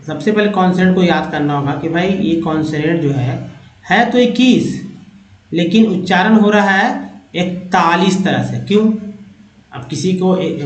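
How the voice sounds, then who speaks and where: A man teaching English pronunciation from slides, patiently repeating and sounding out words slowly, often checking with his viewers. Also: fairly high pitch. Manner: addresses viewers as friends, checks with "है ना". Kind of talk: slide-based language lesson. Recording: echoey room, dull lo-fi sound, faint hiss.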